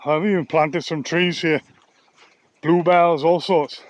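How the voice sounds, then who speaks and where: A man with a fairly high, steady voice talks slowly and candidly as he walks through a nature reserve, slightly breathless from the effort. He's a sound therapist filming a walk-and-talk vlog, and his musings ramble along in a downbeat mood. Faint outdoor ambience sits behind him.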